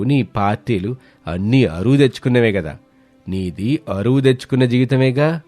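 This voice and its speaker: A man voicing a grim male moneylender who scolds and mocks in a low, slow voice, for an animated story. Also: no echo, close to an everyday voice. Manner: scolding, mocking.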